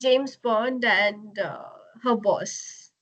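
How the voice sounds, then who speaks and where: A woman's voice: on the high side, drawn-out words, a bit bright. A woman hosting a business webcast, asking questions in a playful, casual way and laughing often. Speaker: webcast host. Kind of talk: casual interview chat.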